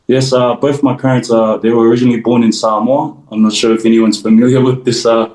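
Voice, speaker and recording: Young man from New Zealand, raised in Australia, casual interview guest, mellow voice, relaxed and laughing often, echoey room. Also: medium pitch, fast talker. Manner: easygoing, laughs often between sentences. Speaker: guest, volleyball player. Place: room at home.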